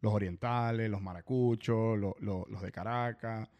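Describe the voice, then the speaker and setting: A man's voice: fairly low pitch, moderate pace, highs cut off. Slangy Venezuelan man in casual chat. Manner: relaxed, slangy, chatty. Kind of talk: casual conversation.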